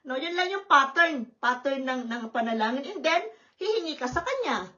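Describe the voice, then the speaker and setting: A woman pastor preaching a sermon at a church service, lively and often checking in with the congregation. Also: sits high, normal speed, dull audio. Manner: lively, questioning the congregation with tag words.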